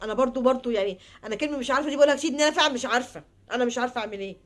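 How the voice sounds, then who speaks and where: An Egyptian advice vlogger with an Egyptian Arabic accent delivers a heartfelt personal monologue, speaking fast in a high voice. She pleads and repeats herself, her words trailing off into soft murmurs.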